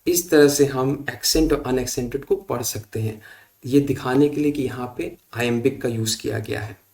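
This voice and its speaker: A man giving a literature lecture, explaining terms in a measured, careful way and reading verse lines with their beats stressed. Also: mid-range voice, creaky, darkish tone. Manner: measured, explanatory, mixes English terms into Hindi. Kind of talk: recorded lecture.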